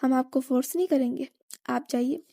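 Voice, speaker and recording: A woman's voice: high voice, normal speed, vocal fry, dark tone, dry recording, clean studio sound. A woman voicing a bossy elder sister who scolds her younger sister in jest. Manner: scolding, mock-stern. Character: bossy elder sister, sharp-tongued hostess.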